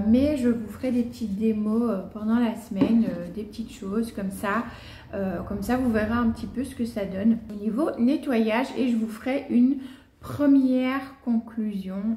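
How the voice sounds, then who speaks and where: A young Belgian woman talks her way through an unboxing at home, hesitant and chatty with plenty of fillers. Her fairly high voice has a gravelly, creaky edge. The room is echoey, with a faint hiss behind her. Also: dark tone. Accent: Belgian French. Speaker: vlogger. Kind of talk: casual unboxing chat.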